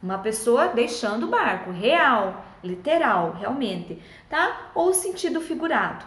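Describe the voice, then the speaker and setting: A woman's voice: on the high side, very animated, a little slow, fairly bright tone. A woman teacher, patiently explaining schoolbook exercises to children in a friendly way and checking in often. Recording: echoey room.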